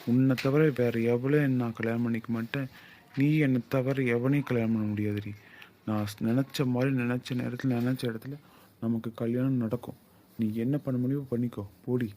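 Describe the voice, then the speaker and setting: A man's voice: mid-range voice, steady tone, a little fast, dark tone, lightly acted. A young man acting a lovesick, possessive suitor who pleads and then insists in an audio drama. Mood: defiant. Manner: insistent, swings from pleading to commanding.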